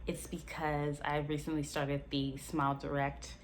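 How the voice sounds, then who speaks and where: A woman of about forty speaks in a low register, in the candid, conversational way of a lifestyle vlogger. Retainers in her mouth make her words a little slurred. There is light background noise in the recording. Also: flat delivery, a little slow. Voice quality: slightly slurred speech from wearing retainers. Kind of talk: casual personal talk to camera.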